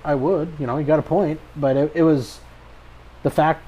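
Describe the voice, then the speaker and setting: American man, podcast host, slightly high pitch, soft mellow tone, easygoing good ol' boy manner, casual chat. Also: steady tone, moderate pace, low-quality recording.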